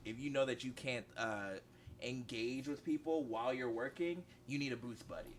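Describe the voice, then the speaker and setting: A man, a traditional artist guest on a podcast, talking in casual chat and giving measured, practical advice. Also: medium pitch, lively intonation.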